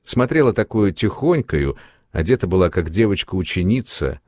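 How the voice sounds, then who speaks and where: A man narrating a classic short story in a measured, expressive reading style. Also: sits low, no echo, studio quality. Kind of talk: literary audiobook reading.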